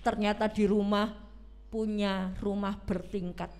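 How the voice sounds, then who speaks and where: A woman's voice: mid-range voice, flat delivery, unhurried, a little mellow. A woman preaching a Sunday sermon, retelling a story dramatically and putting questions to the congregation.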